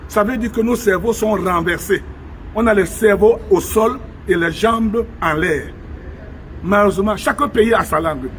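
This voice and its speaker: A Cameroonian vlogger with a high-pitched voice speaks emphatically to his viewers from an outdoor square, firing off many rhetorical questions. It's an impassioned on-location address, with slight background noise in the recording.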